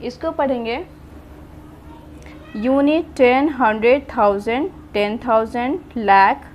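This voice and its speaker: A woman's voice: on the high side, takes it slowly, a little hiss or hum. A woman teaching a math lesson, patiently counting out number places and asking questions before she answers them. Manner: patient, repeats and asks herself questions.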